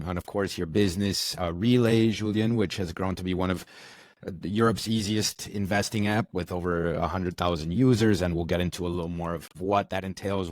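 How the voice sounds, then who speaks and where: Low-voiced guy hosting a podcast, dry close sound, stumbles over his questions a bit. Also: no echo. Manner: repeats words while phrasing questions. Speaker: podcast host. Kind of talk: interview questions.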